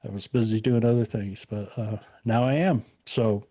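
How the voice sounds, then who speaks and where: A retired man in his sixties from Indiana, a podcast guest, talks about himself in a casual interview. His voice is low-ish, steady and warm at normal speed, and he rambles easily with plenty of fillers.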